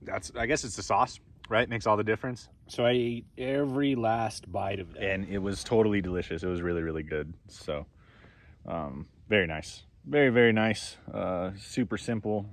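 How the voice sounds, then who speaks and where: A young man casually narrating a camping vlog outdoors, rambling and relaxed as he eats. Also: on the low side, moderate pace. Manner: relaxed, rambling, talks while eating. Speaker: camping vlogger. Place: outdoors at a mountain campsite.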